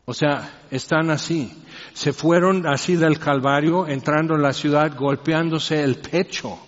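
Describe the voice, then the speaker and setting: Man, sermon, rather high voice, rhetorical questions, long hall echo, muffled lo-fi sound. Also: steady tone, unhurried. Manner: conversational, rhetorical questions and joking asides. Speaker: preacher. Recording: reverberant hall, dull lo-fi sound.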